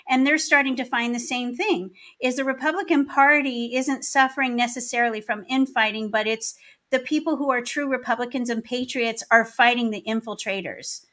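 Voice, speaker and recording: A woman hosts a podcast interview in a slightly high voice. She speaks earnestly and emphatically, often pausing to search for words. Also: bright, forceful tone. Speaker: podcast host and party chair. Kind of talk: casual interview chat.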